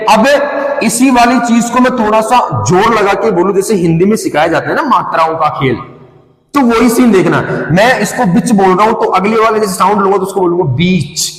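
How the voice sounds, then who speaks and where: Man teaching a lesson, high voice, asks and answers himself, echoey room with long reverb. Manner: repeats each term as a question and answer. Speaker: English teacher. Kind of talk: classroom lesson, call-and-response drilling.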